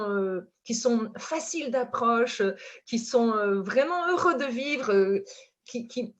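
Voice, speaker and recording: A woman from France with a French accent, speaking as a relationship coach in a casual conversation, animated and full of fillers and restarts. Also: fairly high pitch. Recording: dull lo-fi sound.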